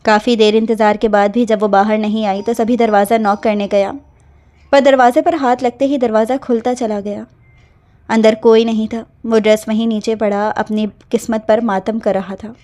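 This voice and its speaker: A woman narrating an emotional romance novel aloud in a smooth storytelling manner. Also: on the high side, flat delivery, darkish tone. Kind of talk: novel reading.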